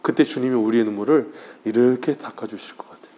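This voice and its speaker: A male pastor giving a Sunday morning sermon in church, telling a story with feeling and swinging between loud passages and hushed ones. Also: medium pitch, fast talker. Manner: acts out quoted voices softly. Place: church sanctuary during worship.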